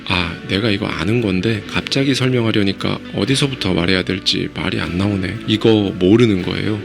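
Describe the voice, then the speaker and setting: A man with a very low, gravelly voice talks straight to his viewers. He lays out his advice point by point in a direct, instructive manner, the way a self-improvement channel host does. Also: fairly bright tone. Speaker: YouTube host. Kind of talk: explanatory self-improvement talk.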